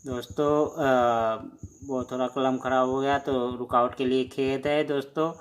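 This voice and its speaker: A man teaching the alphabet slowly, pausing often with fillers as he writes. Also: mid-range voice, steady tone. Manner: slow, halting, many pauses and fillers. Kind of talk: handwritten alphabet lesson.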